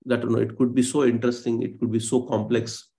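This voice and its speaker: A man's voice: medium pitch, flat delivery, quick pace, creaky, dark tone. A male lecturer on a live online class, explaining patiently with many fillers and self-corrections over a video call.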